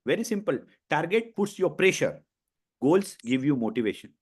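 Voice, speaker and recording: A man's voice: fairly high pitch, very animated, moderate pace, husky. A man with an Indian accent hosting a motivational coaching session, making points emphatically, repeating them and checking in with his listeners.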